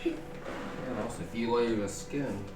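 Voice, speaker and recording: A man and father bantering playfully with his child during a stream, teasing in an unhurried way. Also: mid-range voice, distant mic. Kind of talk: casual family banter on a stream. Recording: roomy sound, off-mic, game music behind.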